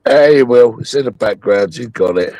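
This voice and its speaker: A man's voice: mid-range voice, lively intonation, normal speed, mellow, dry recording. A Scottish man chatting casually and jokily in late-night banter, swearing freely and repeating himself.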